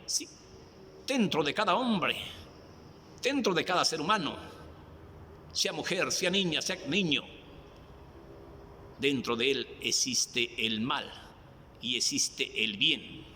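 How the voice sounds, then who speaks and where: Man, preacher, slow emphatic delivery, bright voice, long reverb. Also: a little high, lively intonation, a little hiss or hum. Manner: slow, emphatic, rising and falling pleading questions. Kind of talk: devotional Bible reflection.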